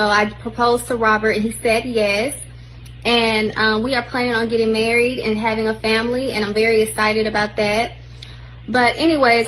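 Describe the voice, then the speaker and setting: A woman in her twenties making a calm, insistent self-recorded video statement. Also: fairly high pitch, slight background noise, poor audio. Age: 20s.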